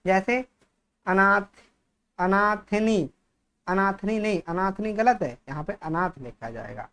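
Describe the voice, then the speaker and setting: A man's voice: sits high, slow, a bit bright, clear, resonant tone. A man teaching a grammar lesson for exam preparation, saying each word more than once in a dictating way. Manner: repeats each word, dictating-style explanation.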